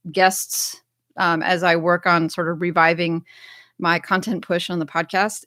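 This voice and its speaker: A woman's voice: lowish voice, fairly bright tone, dry recording, studio quality. An American woman hosting a casual livestream, chatting upbeat and reading viewer comments aloud. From United States. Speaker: livestream host.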